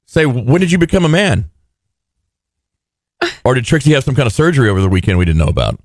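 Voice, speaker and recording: A man's voice: medium pitch, sing-song, quick pace, dry recording. A man hosting live radio with casual, teasing, joking banter in a studio. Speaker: radio host.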